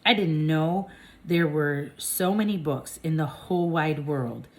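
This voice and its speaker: Slow low-voiced woman reading a children's book. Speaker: audiobook narrator. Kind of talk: children's audiobook narration.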